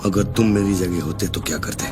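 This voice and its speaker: A deep-voiced actor playing a menacing man, calm and taunting as he threatens in slow, measured words. It is dramatic film dubbing, with loud music behind him. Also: lightly acted. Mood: cold menace. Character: cold menacing male caller holding a man at gunpoint. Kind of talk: Hindi film dub acting.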